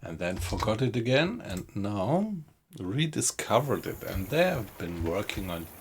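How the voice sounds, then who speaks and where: Slow, low-voiced man streaming. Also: big pitch swings. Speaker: game streamer. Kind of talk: casual live-stream chat while playing. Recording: background noise with keyboard typing.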